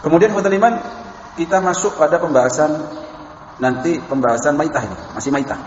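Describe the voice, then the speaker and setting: A man's voice: fairly high pitch, fast talker. A man giving an Islamic lecture, reciting Arabic verses, addressing listeners as sir and madam, and telling anecdotes. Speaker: Islamic preacher lecturing a class. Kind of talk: religious lecture on halal food. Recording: echoey hall, muffled, faint background noise.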